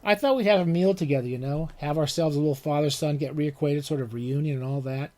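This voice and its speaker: A man's voice: a little high, fast, dark tone, close to an everyday voice. A man voicing a brash young adult son who talks casually, peppering his speech with "like.". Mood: breezy. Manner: chatty, full of "like" fillers.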